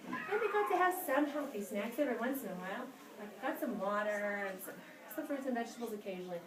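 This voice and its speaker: A woman playing the tooth fairy and telling a dramatic story to a school class, with squeals and cheers. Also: a little high. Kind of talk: animated storytelling to children. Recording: roomy, distant with room noise.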